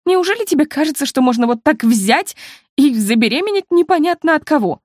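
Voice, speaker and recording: Woman reading as an older sister, scolding, exasperated, raised reproachful voice, high-pitched, dry sound. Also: expressive, brisk, darkish tone, dry recording. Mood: indignant. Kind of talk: audiobook dialogue reading.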